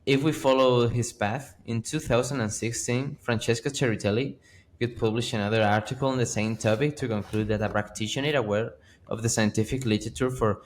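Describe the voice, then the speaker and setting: A man's voice: mid-range voice, a little hiss or hum. A man co-hosting a podcast as a physiotherapist, earnestly walking through sources with frequent restarts. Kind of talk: conversational podcast discussion.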